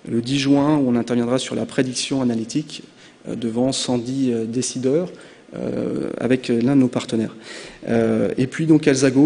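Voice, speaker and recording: A man's voice: medium pitch, dark tone. Man presenting in a reverberant hall. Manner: hesitant, frequent "euh" fillers. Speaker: conference speaker. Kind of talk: conference presentation. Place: conference hall.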